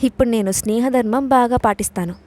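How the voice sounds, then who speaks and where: A woman's voice: a little high, fast talker, a little mellow, natural voice. A woman reading the part of a domineering young man who mocks and threatens in curt warnings. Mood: sarcastic.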